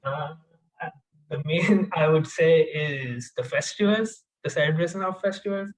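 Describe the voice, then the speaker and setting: A man's voice: on the high side, measured pace, rough recording. A man in his twenties from India, a podcast guest answering questions casually, with many fillers and restarts. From India, Gujarat. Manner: hesitant, many fillers and restarts, laughs while talking. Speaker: podcast guest, software engineer.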